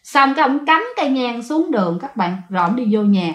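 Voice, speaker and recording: Chatty Southern Vietnamese woman who tells ghost stories and talks to her listeners; fairly high voice, echoey room. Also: animated, a little fast, fairly bright tone. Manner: chatty, addresses listeners directly. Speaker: ghost story narrator. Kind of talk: casual spoken storytelling.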